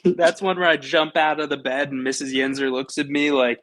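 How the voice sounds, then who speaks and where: A young man with a Pittsburgh accent co-hosting a casual sports podcast, telling profane, animated stories and acting out his own reactions. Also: on the high side, fairly quick. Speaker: podcast co-host.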